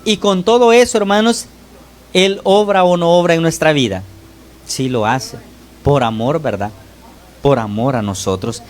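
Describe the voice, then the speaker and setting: A Salvadoran man preaches to his congregation as a lay preacher, pausing often to draw in the brothers with a "¿verdad?" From phrase to phrase, his pitch and volume rise and fall steeply.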